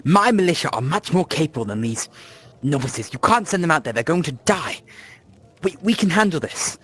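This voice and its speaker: Man voicing an oily, distrustful town official. Loud, high-pitched, insistent. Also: very animated, normal speed, creaky, slightly rough, exaggerated voice. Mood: indignant. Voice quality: slimy, oily. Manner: loud and insistent, nearly shouting. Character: slimy, suspicious male town official, pompous and distrustful. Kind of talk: tabletop role-play voice acting.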